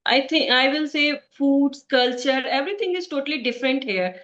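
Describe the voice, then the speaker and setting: Hesitant high-voiced Indian woman, echoey. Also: expressive, moderate pace, a bit bright. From Bihar, India. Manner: hesitant, many fillers and restarts. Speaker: English learner in conversation practice. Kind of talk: casual conversation practice. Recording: echoey, dull lo-fi sound.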